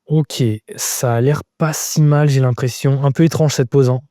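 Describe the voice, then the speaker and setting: A man's voice: mid-range voice, steady tone, moderate pace, warm tone, dry recording, studio quality. A man giving a live-stream drawing lesson, thinking aloud step by step as he sketches and chatting casually with viewers. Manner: answers chat viewers casually. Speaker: drawing teacher.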